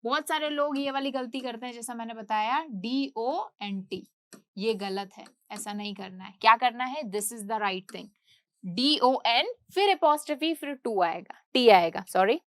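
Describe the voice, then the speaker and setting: A high-pitched woman leads a grammar lesson, switching between Hindi explanation and slow, careful English readings. She keeps posing questions and answering them herself. The sound is dry and close, with no room around it. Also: dry recording. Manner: reads English definitions slowly, explains in Hindi. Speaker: teacher.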